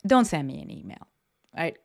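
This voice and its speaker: A woman hosts a casual solo podcast in a deep voice with huge pitch swings, vocal fry, and a moderate pace. She's blunt and profane, swearing freely and using lots of filler words. She's recorded on a desk microphone.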